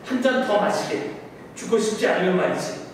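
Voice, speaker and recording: A dinner host with a gruff streak and a prankster's grin, as a pastor puts him on, with a slow, emphatic delivery. The voice sits high for a man. It rings through a big echoing hall from a distant mic, with a faint rumble underneath. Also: expressive. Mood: threatening.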